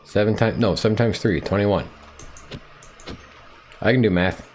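A man's voice: fairly low pitch, measured pace, a little mellow, a little hiss or hum. A man streaming a survival game live, chatting playfully to himself and to the animals on screen. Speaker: gaming streamer. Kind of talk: live gameplay commentary.

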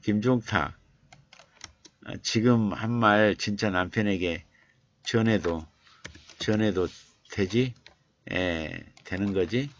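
Male writing teacher, very deep and unhurried, reading a viewer's essay aloud on a live stream. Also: highs cut off, a little hiss or hum. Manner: slow halting reading, repeating phrases while editing; murmured "yes" asides between phrases. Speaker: writing instructor.

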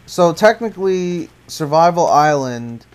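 A man giving casual commentary on his gameplay, excitable and prone to swearing and sudden exclamations. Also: on the high side, unhurried. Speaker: gaming channel host.

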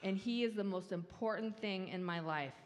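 Holding a handheld microphone, a middle-aged woman runs a lively children's talk and game from a church stage, talking to the kids in an animated, playful way. Her mid-range voice keeps a moderate pace, and the church hall adds reverb.

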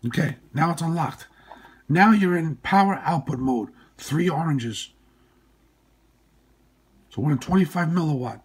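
Husky, congested man giving instructions. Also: fairly high pitch, measured pace, long pauses. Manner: plain, short clipped instructional phrases. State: hoarse, congested voice after recent surgery. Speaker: tutorial presenter. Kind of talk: informal step-by-step hands-on instruction. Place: indoors at a workbench.

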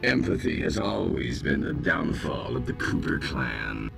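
A man voicing a sinister mechanical owl villain in a video game, sneering and slow in his menace. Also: very deep voice, sing-song, creaky, full character voice. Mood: scornful menace. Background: game music.

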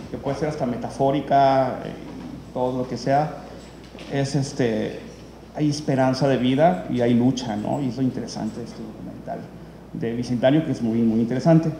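A man's voice: medium pitch, fairly even intonation, normal speed, dark tone. A man, hosting an event and introducing documentaries in unscripted speech, full of fillers and restarts. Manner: rambling, many fillers and restarts. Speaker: event host presenting documentaries. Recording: echoey hall, faint room noise.

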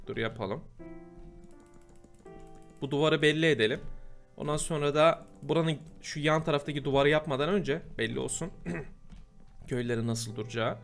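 A man giving casual gameplay commentary, chatty and prone to loud, exasperated outbursts. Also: on the high side. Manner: chatty, bursts into loud exasperated shouting at mobs. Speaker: gameplay host. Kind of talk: casual Minecraft let's play commentary.

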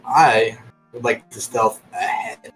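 A man playing a tabletop game, speaking briskly and matter-of-factly about tactics. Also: medium pitch, steady tone, a bit bright, faint music behind, rough recording. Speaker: player. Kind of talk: casual game chat.

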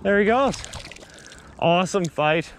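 A young man filming himself fishing on a river shore, chatting excitedly on an action camera with lots of fillers and restarts. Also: high-pitched, a little slow, a little hiss or hum. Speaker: fishing vlogger. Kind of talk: casual on-the-spot fishing commentary. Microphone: action camera on body.

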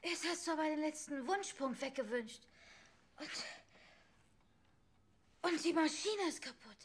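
A woman playing a small, cheeky magical creature with childlike, halting phrasing in a children's film comedy. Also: sits high, expressive. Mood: relieved.

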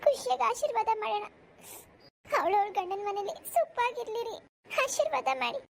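A woman voicing a gentle young wife in a cartoon, softly consoling her husband. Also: very high-pitched, normal speed, creaky, slight background noise. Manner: soft, consoling. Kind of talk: cartoon voice acting.

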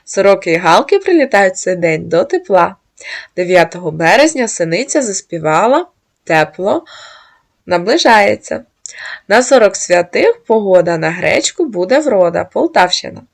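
Woman narrator with a lively, gravelly voice. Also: medium pitch. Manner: measured reading aloud of folk sayings. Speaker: channel host and narrator. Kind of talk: scripted narration.

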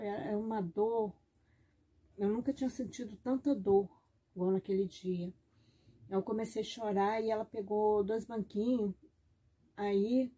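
Woman, mellow and husky voice, repetitive emotional retelling, home bedroom vlog. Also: mid-range voice. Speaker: vlogger. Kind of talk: personal testimony to camera.

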